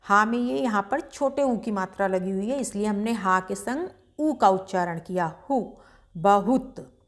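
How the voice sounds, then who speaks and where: A woman teaching beginners to read Hindi, sounding each word out slowly before explaining it briskly. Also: medium pitch, lively intonation. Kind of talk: slow syllable-by-syllable reading lesson.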